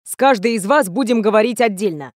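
A woman's voice: medium pitch, expressive, brisk, dry recording, clean studio sound, close to an everyday voice. Woman voicing a grim, stern male teacher. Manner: curt, grim, authoritative. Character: weary stern middle-aged male teacher.

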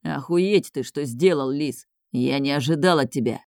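A man's voice: vocal fry, darkish tone, dry recording, studio quality, natural voice. A reader voicing a hot-tempered, foul-mouthed bearded older man who growls and swears. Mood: furious. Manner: growling, deep and slow.

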